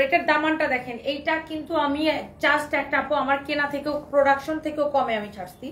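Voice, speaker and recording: A hoarse woman from Bangladesh pitching clothes on a live-stream sale, repeating herself coaxingly and slipping in English phrases. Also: a bit bright. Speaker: online clothing seller. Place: clothing shop. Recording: roomy, slightly distant, faint background noise.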